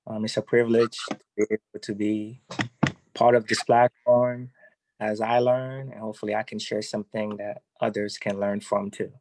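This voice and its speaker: A man's voice: lowish voice, little pitch movement, normal speed, a little mellow, dry recording, low-quality recording. A man from Haiti, an educator being interviewed, who talks hesitantly with many ums.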